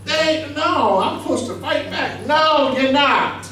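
A man's voice: very high voice, takes it slowly, background noise. A middle-aged man, preaching a sermon into a handheld mic, emphatic and conversational, asking the congregation questions. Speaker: pastor. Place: small church sanctuary. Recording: echoey church from a distant camera.

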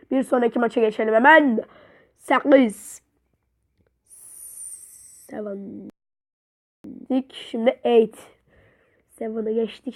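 A young woman with a slightly high voice gives gameplay commentary at an unhurried pace. She cheers her goals and taunts her opponent, letting out sudden excited bursts between quieter remarks. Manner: excitable, cheering and trash-talking at the game. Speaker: gaming YouTuber.

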